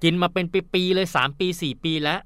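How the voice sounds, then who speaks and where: Brief: male radio host, polite and friendly, slightly high voice, dry close mic. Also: steady tone, a little fast, a bit bright, smooth, no echo. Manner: polite, chatty, reads listener questions. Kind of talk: radio call-in hosting.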